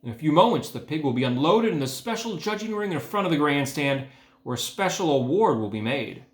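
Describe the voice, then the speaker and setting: A man voicing a pompous fairground loudspeaker announcer from a storybook, grand and ceremonial in delivery. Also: a little high, expressive, fairly quick, lightly acted. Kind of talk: storybook character voice in a read-aloud. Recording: echoey room.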